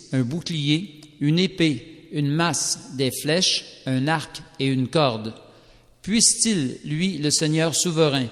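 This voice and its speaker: Solemn man reading scripture, reverberant. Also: fairly high pitch. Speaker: scripture reader. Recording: long reverberant hall sound.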